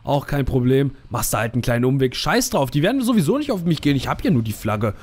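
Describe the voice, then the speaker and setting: A man's voice: mid-range voice, very animated, fast, background noise. A young man casually commenting on a tank game he is playing, joking, teasing opponents and repeating words in a sing-song way. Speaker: gaming streamer. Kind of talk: casual let's play commentary.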